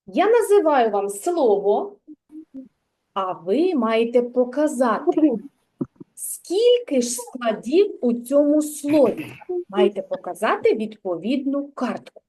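A woman teaching a literacy lesson to small children over a video call, in slow, clear and encouraging speech. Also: high-pitched, very animated, dark tone, low-quality recording. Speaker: kindergarten teacher.

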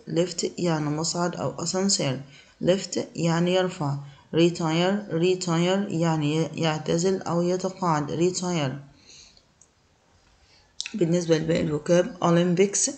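A woman's voice: fairly low pitch, a little mellow. A woman teacher, going through English vocabulary and repeating each word with its meaning.

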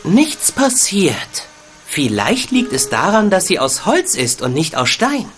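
Game casting: earnest young boy hero, wondering aloud, animated, over prominent music. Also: medium pitch, measured pace. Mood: curious. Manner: musing, wondering. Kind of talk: adventure game narration of own thoughts.

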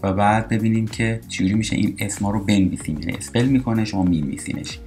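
A man teaching a recorded French lesson, explaining pronunciation and slowly repeating example words. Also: lowish voice, over music.

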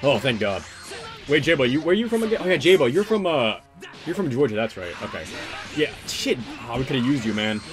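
Fast-talking casual male streamer. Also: medium pitch, very animated, over music. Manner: loose, rambling, swears freely. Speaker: tournament organizer and stream commentator. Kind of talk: casual gaming stream commentary.

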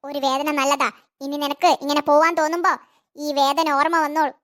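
A woman's voice: high-pitched, steady tone, brisk, a bit bright. A harsh scolding cartoon mother. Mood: stern, scolding. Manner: stern and scolding, sarcastic. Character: harsh, short-tempered young mother. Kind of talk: animated cartoon dubbing.

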